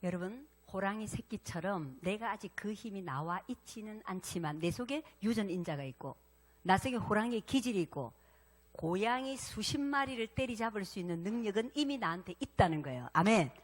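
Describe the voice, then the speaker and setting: A woman pastor preaching a sermon, animated and interactive, prompting her congregation to respond. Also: medium pitch, a little fast.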